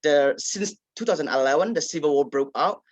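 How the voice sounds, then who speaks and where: A local journalist from Kachin State, Myanmar, whose first language is Kachin, answers a question on a discussion panel. His voice is on the high side and husky, and he speaks haltingly with many fillers and restarts. The sound is dry and close, with no echo.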